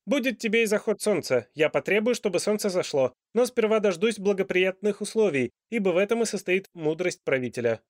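A man voicing a pompous, proud old king who gives loud, high-pitched commands in a storybook reading. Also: lively intonation, a little fast, hardly any pauses, dry recording, clean studio sound. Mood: commanding.

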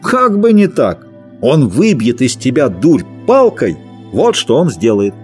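A man's voice: mid-range voice, huge pitch swings, unhurried, a little mellow, soft background music. A man voicing a huge, contemptuous male rabbit that sneers and scolds in an audiobook reading. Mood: scornful. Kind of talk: audiobook character voice.

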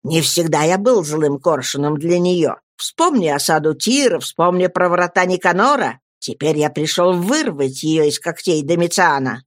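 A woman's voice: lively intonation, dry recording, studio quality. Menacing jealous man, voiced by a woman. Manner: low, slow and menacing. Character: stern obsessive man, jealous pursuer.

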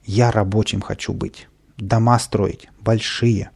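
A man voicing a capricious, whining little boy in a storybook reading, with a gravelly, husky voice. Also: on the low side, level tone, slow, darkish tone, full character voice. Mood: whiny. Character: whiny, stubborn, mischievous little boy.

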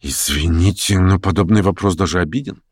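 A man's voice: deep voice, fairly quick, slightly rough, dry recording, clean studio sound. A man voicing an irritable, easily offended lame man who answers with indignation. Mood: indignant. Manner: touchy, indignant.

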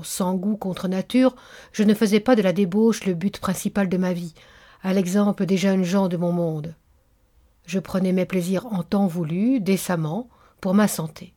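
A woman's voice: mid-range voice, mellow, natural voice. Woman reading as a bitter, brooding nobleman. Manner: intense, brooding confession. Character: bitter, tormented middle-aged male nobleman confessing. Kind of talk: audiobook reading of a novel.

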